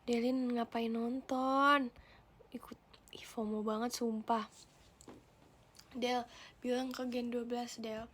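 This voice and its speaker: A woman's voice: on the high side, level tone, takes it slowly, long pauses, fairly bright tone. A young woman chatting casually on a livestream, playful and giggly, often dropping into a whisper as she reads viewer comments into her phone. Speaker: idol livestreamer.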